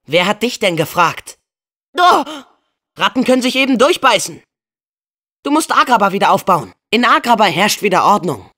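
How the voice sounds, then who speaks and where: Sora, an animated teenage boy hero. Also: high-pitched, normal speed, exaggerated voice. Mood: earnest. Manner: earnest, spirited, casual youthful phrasing. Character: plucky, upbeat, kind-hearted teenage boy hero. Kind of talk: video game voice acting, German dub.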